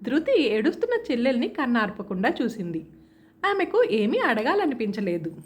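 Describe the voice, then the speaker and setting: A woman narrating a story in a measured, expressive reading. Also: on the high side.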